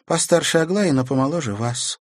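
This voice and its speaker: Man doing a teenage girl, calm, persistent, raised pitch, dry sound. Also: fairly quick, no room sound, close to an everyday voice. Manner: steady and probing.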